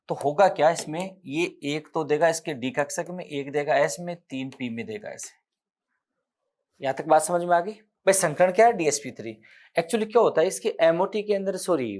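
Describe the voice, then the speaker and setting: A man's voice: on the high side, a little mellow. A man with a Rajasthani accent teaching an exam-prep chemistry lecture, explaining step by step, counting aloud and correcting himself as he writes on the board.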